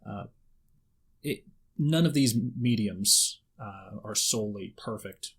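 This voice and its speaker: A man in his thirties with a lowish, husky voice talks casually as a guest. He rambles and often restarts his sentences. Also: slow pace. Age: 30s. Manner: rambling, repeats words when starting sentences. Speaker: guest writer. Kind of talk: casual conversation.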